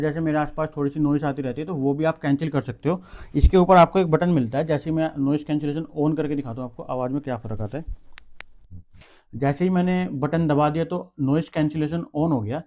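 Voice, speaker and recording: A man talks through a product demo at a quick clip in a slightly higher register, chatty and explaining every step as he goes. His voice is close and dry on a clip-on wireless mic. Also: dark tone, dry recording. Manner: chatty, explains step by step while handling gear. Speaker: tech reviewer vlogger.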